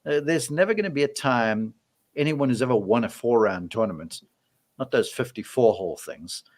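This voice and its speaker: A man's voice: mid-range voice, expressive, moderate pace. A man on a golf podcast, telling a long on-course story in casual chat and acting out the quoted exchanges.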